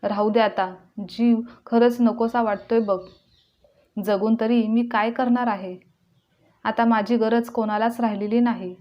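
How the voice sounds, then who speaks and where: A woman's voice: on the high side, fairly even intonation, measured pace, lightly acted. Woman doing a whiny old mother-in-law. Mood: self-pitying. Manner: whiny, accusing. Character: elderly complaining mother-in-law, tearful, self-pitying. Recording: dull lo-fi recording.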